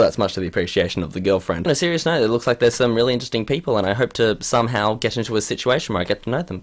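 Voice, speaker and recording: Fast-talking teenage guy. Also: mid-range voice. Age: late teens. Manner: rambling, self-deprecating, trips over his words. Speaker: vlogger. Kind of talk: casual vlog monologue.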